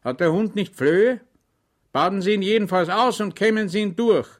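A man reading aloud, voicing a strict, excitable army lieutenant who gives loud commands. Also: high-pitched, normal speed, voice pushed up. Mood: stern, commanding.

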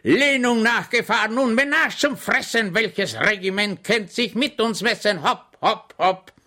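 A man's voice: mid-range voice, animated, moderate pace, fairly bright tone. A man voicing a good-natured, bumbling middle-aged soldier, bedridden with rheumatism, who talks with solemn cheer and bellows war songs. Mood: rousing singing.

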